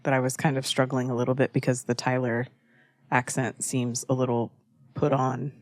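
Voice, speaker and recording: A woman co-hosting a casual book podcast, plain-spoken and quick to agree. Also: very deep voice, level tone, darkish tone, dry recording. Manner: many short agreeing replies, plain-spoken. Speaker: podcast co-host. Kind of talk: casual chat about books.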